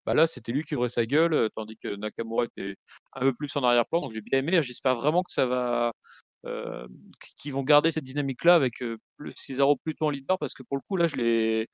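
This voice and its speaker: A man co-hosting a wrestling podcast, giving casual opinions with halting restarts and the odd joke. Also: mid-range voice, no room sound, highs cut off. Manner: halting, repeats words, joking. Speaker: podcast co-host.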